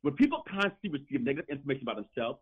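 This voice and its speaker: A man lectures in an insistent voice, stumbling over his words as he presses on. He is heard through a tinny phone line with a bad connection that keeps cutting out. His voice sounds husky. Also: medium pitch, big pitch swings, rapid-fire. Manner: insistent, lecturing, with repeated restarts. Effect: bad phone connection that breaks up. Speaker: caller, guest speaker. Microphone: telephone.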